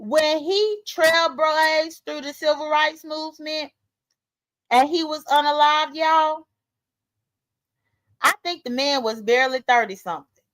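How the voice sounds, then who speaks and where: Woman in her late 30s, high voice, blunt and emphatic, vlog commentary. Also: a little slow, long pauses, a bit bright, rough recording. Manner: emphatic, blunt, talks straight to viewers. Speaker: vlogger. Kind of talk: casual commentary monologue.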